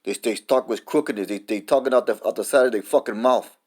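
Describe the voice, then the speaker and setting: A man's voice: mid-range voice, fast, a little mellow. A man preaching an informal sermon, cursing and stumbling over repeated words, often ending lines with "man" as he reads scripture and definitions. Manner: profane, repetitive, says "man" often.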